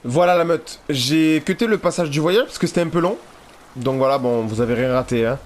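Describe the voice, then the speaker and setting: A man's voice: on the high side, fairly quick. Chatty French gamer man. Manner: chatty, talks straight to his viewers. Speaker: let's play gamer. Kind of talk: casual gameplay commentary.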